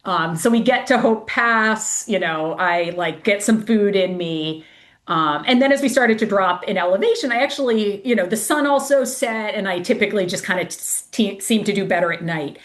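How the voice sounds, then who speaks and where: Speaking with a mid-range voice, lively intonation and a moderate pace, a female race director chats as a guest. She recounts a casual story filled with "like" and performs the voices of the people she quotes.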